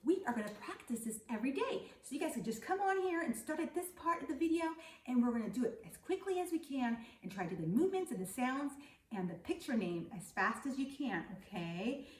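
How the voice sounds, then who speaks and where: A woman's voice: high-pitched, big pitch swings, a little fast, a little mellow. A middle-aged woman giving a kindergarten phonics lesson, speaking to small children and stressing key words and letter sounds. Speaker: kindergarten teacher. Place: indoor room set up as classroom. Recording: roomy echo, distant mic.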